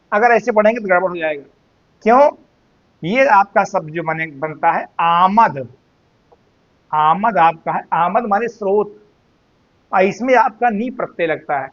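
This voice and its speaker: High-voiced man teaching Hindi slowly. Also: a bit bright, dull audio. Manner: slow, drawn-out repetition of words, addresses students as "beta". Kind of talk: spelling and grammar lesson.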